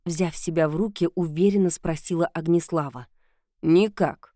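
A woman narrating an audiobook fairy tale in a calm, measured way. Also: fairly low pitch, dry recording, studio quality.

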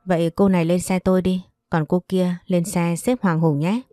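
A friendly, talkative young man makes breezy offers, as a woman storyteller voices him. The voice is low and mellow. The recording is dry, with faint music. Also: steady tone, moderate pace, dry recording, lightly acted.

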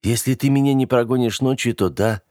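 A man voicing a teasing, protective young man in an audiobook, with an easy, gently chiding manner. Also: mid-range voice, fairly quick, no echo, studio quality, pitched above the performer's own voice, close to an everyday voice. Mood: teasing, caring. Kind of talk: audiobook character voice.

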